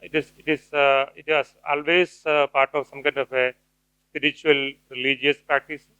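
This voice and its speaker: A middle-aged man giving an academic lecture, pausing often with fillers and restarts. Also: medium pitch, little pitch movement, pushed and bright, smooth, no echo, lo-fi sound. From India. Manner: hesitant, many fillers and restarts. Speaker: guest speaker, cultural theorist.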